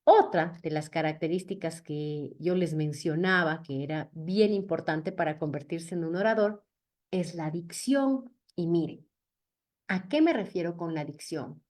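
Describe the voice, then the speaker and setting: A woman with a high voice teaching a public speaking workshop, expressive and playing with pitch and pace to show her points. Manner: expressive, often shifts pitch and pace to demonstrate. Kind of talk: virtual workshop talk.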